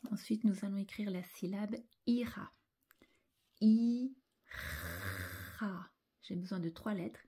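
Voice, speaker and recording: A woman teaching young children handwriting, talking slowly and carefully, sounding out each letter and syllable and often dropping to a soft half-whisper. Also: mid-range voice, fairly even intonation, slightly rough.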